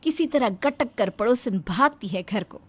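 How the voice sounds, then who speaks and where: A woman's voice: a little high, lively intonation, moderate pace, breathy edge. A woman giving scripted narration for a family drama.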